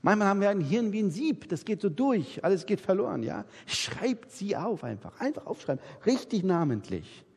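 A man preaches in a large hall, his voice bouncing around the room with a long echo. He speaks high and with lots of melody, and his tone is a little husky. He tells his stories vividly and acts out every conversation. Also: sing-song, normal speed, hardly any pauses, darkish tone. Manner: storytelling, acts out dialogue in voices. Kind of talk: anecdotal sermon. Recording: reverberant hall.

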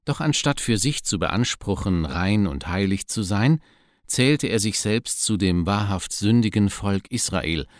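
A man with a very deep voice reads a devotional text aloud in a measured, solemn way. The recording is dry and close, with no room sound. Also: lively intonation, no echo. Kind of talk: scripted devotional reading.

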